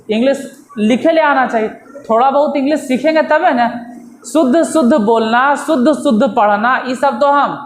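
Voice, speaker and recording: Coaxing Bihari teacher in an echoey classroom. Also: male voice, extremely high pitch. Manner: coaxing, repetitive, calls students to listen. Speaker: English teacher. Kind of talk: classroom grammar lesson. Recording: echoey room with faint ambient noise.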